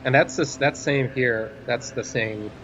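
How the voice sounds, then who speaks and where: A man's voice: mid-range voice, moderate pace, music in the background. A man co-hosting a theme park fan show in casual chat, on a noisy, lo-fi live stream recording.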